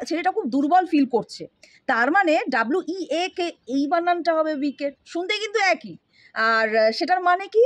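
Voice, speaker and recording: A woman's voice: extremely high pitch, dry recording. A woman giving a casual spoken English lesson, talking straight to her learners and often checking that they follow. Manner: familiar, addresses learners directly with frequent checks.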